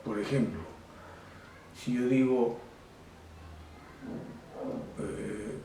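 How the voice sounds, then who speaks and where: Slow-talking Peruvian teacher in echoey room. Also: male voice, medium pitch, warm tone, far from the mic. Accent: Peruvian Spanish. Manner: slow, deliberate explanation, repeating example sentences. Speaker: secondary school language teacher. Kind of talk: recorded remote grammar lesson. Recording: very echoey room, voice off-mic, faint hiss.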